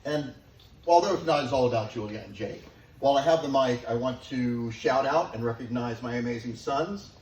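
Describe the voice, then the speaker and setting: A middle-aged man giving a father of the bride wedding speech, sincere and affectionate, with deliberate pauses for the guests. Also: mid-range voice, a little mellow, highs cut off. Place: large room at a wedding reception, guests present. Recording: echoey, noisy room, distant microphone.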